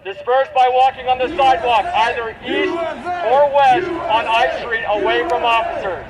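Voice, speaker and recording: A man's voice: very high-pitched, expressive, a little slow, over a noisy crowd. A man, a police officer, reads a stern, formal dispersal order amplified through a blasting sound cannon outdoors at a street protest.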